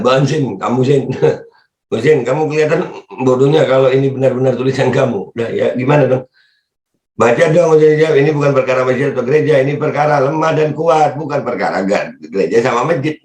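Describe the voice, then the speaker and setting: A man talks in a casual, mocking way. His pitch sits in the middle and jumps up sharply whenever he teases. The recording has a noticeably echoey, roomy sound. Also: darkish tone. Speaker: political commentary vlogger reading comments. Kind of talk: casual Jakarta-slang commentary.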